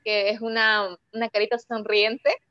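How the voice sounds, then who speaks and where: A woman's voice: mid-range voice, little pitch movement, pushed and bright, dry recording. A young woman tells her own story as an interview guest, hesitating and restarting as she searches for words. Her voice comes through dull and lo-fi, in a dry space with no room sound. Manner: emotional, halting, many restarts. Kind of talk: personal testimony.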